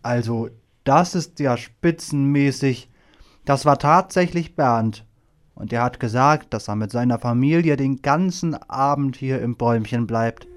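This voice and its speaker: A man voicing a gentle, kindly male donkey in a children's radio play who talks slowly and is easily delighted. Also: medium pitch, natural voice. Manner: slow, warm-hearted and easily delighted.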